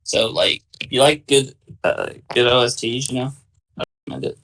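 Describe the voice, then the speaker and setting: A man's voice: mid-range voice, normal speed, a bit bright. A man hosting a casual podcast chat, easygoing and upbeat as he asks questions and makes recommendations. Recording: distant from the mic.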